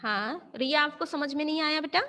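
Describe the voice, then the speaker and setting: Brisk and sharp in tone, this woman's voice sits high as she teaches an online grammar class. The school teacher blends Hindi with English and repeatedly asks if her students are following.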